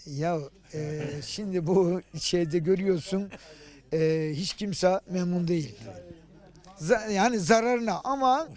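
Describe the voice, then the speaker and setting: A man's voice: high-pitched, slow, a little mellow. Good-humored older coffeehouse man. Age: 60s. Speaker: village coffeehouse owner.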